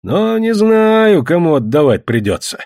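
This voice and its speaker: A man's voice: sits high, very animated, a little slow, a little mellow, no echo, studio quality, pitched above the performer's own voice. A man doing a sly teasing trader. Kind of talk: audiobook character voice.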